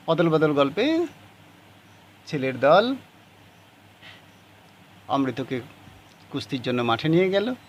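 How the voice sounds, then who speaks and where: A man teaching a class, reading passages of a story aloud and explaining how to write the answers. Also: fairly high pitch.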